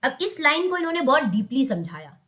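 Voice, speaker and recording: High-voiced Indian woman teaching law. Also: very animated, brisk, a bit bright. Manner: mixes English terms into Hindi, quizzes students; calls students "beta", coaxing and chatty. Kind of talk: online class lecture.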